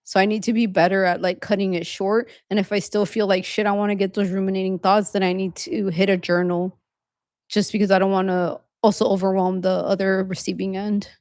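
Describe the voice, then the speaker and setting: A woman in her thirties co-hosting a podcast, talking casually in long, quick run-on stretches with few pauses. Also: mid-range voice, level tone, a little mellow, dry recording, studio quality. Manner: fast, run-on venting talk with few pauses. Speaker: podcast co-host. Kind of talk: casual conversation.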